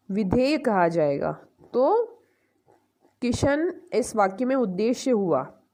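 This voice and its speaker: Slow-paced woman teaching a lesson. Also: on the high side, dark tone. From India. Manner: slow, explaining step by step, asks the class questions and answers them. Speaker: school teacher. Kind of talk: online grammar lesson.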